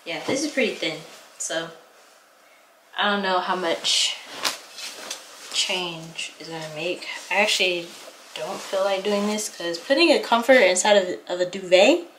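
Out of breath as she does chores indoors in her small apartment, a young vlogger chats casually to her viewers, captured on a camera mic while moving around. She speaks unhurriedly in a lowish, fairly bright voice with long pauses, in an echoey, noisy room.

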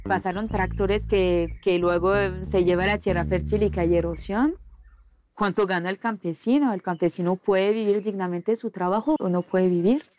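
A French woman in her thirties, a landscaper and environmental activist, speaking earnestly outdoors in a documentary interview, pausing often with fillers. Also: medium pitch, darkish tone. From France. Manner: earnest, hesitant with many fillers. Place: outdoors in hilly countryside.

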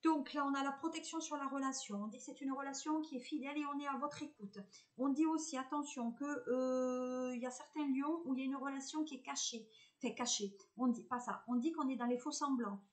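Woman medium, southern French accent, fairly high voice; chats and reassures viewers through a live card reading, halting often. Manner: chatty and reassuring, hesitant with many fillers. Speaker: medium giving a tarot reading.

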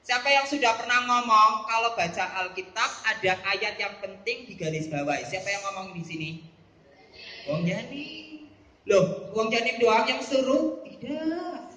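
Male Bible teacher for kids, very high voice, teasing and quizzing, roomy echo. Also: expressive, normal speed, sharp tone. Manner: playful, calls on pupils by name and quizzes them. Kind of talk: classroom Bible lesson.

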